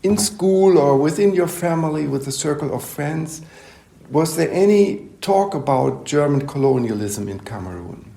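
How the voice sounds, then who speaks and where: A man hosting an interview podcast, introducing his guest and asking measured, polite questions. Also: a little high, lively intonation, vocal fry, dark tone. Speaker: podcast host. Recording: echoey room.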